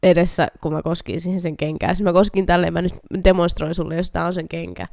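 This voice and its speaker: A woman's voice: fairly low pitch, fairly even intonation, gravelly, darkish tone, dry recording, studio quality. A woman co-hosting a podcast in casual chat, asking questions and telling her own stories with short reactions. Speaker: podcast co-host.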